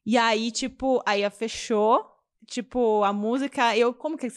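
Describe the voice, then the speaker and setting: Woman mentor chatting on a podcast, kinda high voice, super animated, acts out what people said. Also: unhurried, smooth. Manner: animated, acts out quotes, swings her pitch a lot. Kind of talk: casual podcast storytelling.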